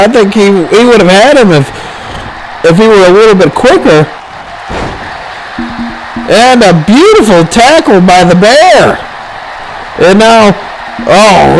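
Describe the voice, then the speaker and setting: A man calling pro wrestling play-by-play in an excited, dramatic way, full of exclamations and rhetorical questions. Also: high-pitched, background noise.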